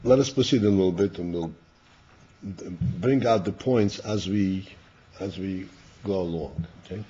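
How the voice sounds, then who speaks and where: An older man, a rabbi, teaching a Chassidus class, who often repeats words and clears his throat. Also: deep voice, measured pace, warm tone. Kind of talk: slow, halting Torah class. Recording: dull lo-fi class recording.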